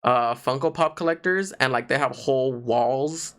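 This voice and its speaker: A young man co-hosting a laid-back podcast, rambling through his points with a steady stream of filler words. His pitch sits in an ordinary middle range. He sounds relaxed and informal, as if chatting with a friend. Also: normal speed. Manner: rambling, lots of "like" fillers, animated. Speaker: podcast co-host. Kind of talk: casual chat.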